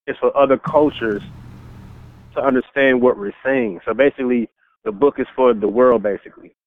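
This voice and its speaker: A man calling in over the phone, talking in a casual, halting way that repeats words and leans on fillers. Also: mid-range voice. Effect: heard over a phone line. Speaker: caller pitching his book. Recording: tinny phone line with faint hiss.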